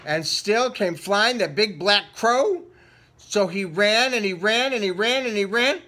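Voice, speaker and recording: Slightly slow and sharp in tone, a man's high voice carries this children's storybook reading. He exaggerates by drawing out words and saying them again.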